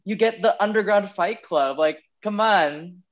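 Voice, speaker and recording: A man co-hosting a casual film podcast, talking excitedly with lots of "like" and laughter. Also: high voice, measured pace, highs cut off. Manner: excited, laughing, heavy use of "like". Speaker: podcast co-host.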